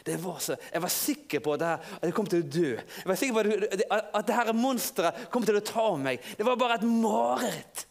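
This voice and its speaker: A preacher voicing the elderly Peter telling his grandchild about a night at sea, in a low, hushed confiding tone. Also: animated, gravelly, few pauses. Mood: frightened.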